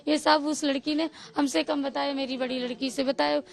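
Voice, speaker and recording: High, gravelly-voiced mother in her forties. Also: moderate pace. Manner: tells events in a steady stream, acting out quoted speech and repeating phrases. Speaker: victim's mother interviewed by reporter. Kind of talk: tearful-free eyewitness account in a news interview.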